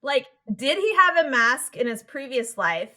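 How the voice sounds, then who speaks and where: A woman's voice: sits high, sing-song, a little slow, pushed and bright. A woman in her thirties co-hosting a podcast in casual chat, playful and acting out quoted lines. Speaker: podcast co-host.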